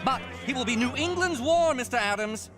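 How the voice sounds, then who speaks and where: A man's voice: very high-pitched, lively intonation, brisk, over a noisy crowd. A man playing a pompous, stern colonial delegate orating in a history cartoon. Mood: stern, impassioned. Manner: pompous senatorial oratory. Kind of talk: animated history cartoon acting. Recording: music behind the voice.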